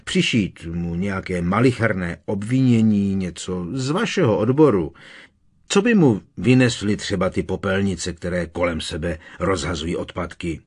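A man's voice: low voice, expressive, slightly rough. A man reading an audiobook, voicing an anxious middle-aged wizard official who talks urgently and insists. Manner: urgent, pleading. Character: worried male wizard official, talking head in a fire.

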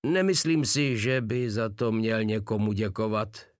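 A man's voice: fairly low pitch, no echo, clean studio sound, close to an everyday voice. A man voicing a crude, sarcastic male soldier who talks in a coarse, mocking way, in a storybook reading. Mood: sharp, sarcastic.

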